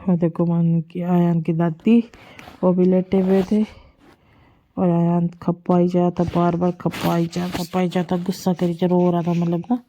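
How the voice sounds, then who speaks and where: With a completely flat delivery at a measured pace, a mother and vlogger narrates clips of her children's antics in a casual voice-over, chatty, doting and repetitive. Her fairly low voice is warm, with a little hiss or hum in the audio.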